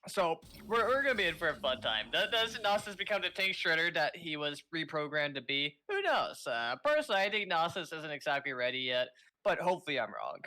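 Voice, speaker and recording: Bright-voiced joking male caster. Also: a little high, sing-song, fairly quick. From Los Angeles. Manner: joking, rambling, repeats words when starting. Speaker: esports shoutcaster. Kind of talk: casual esports commentary.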